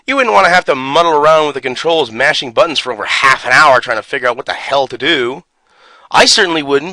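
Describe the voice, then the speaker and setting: With a slightly high, bright and forceful voice and no room sound, a man delivers a video game YouTuber's opinionated rant along with some booklet reading. His manner is sarcastic, exasperated and strongly emphatic.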